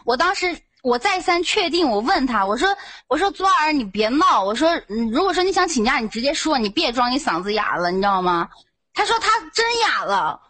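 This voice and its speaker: A woman co-hosts a live voice chat and complains with animated indignation. Her voice is high and carries easily. She talks casually with a quick back-and-forth. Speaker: chat room co-host.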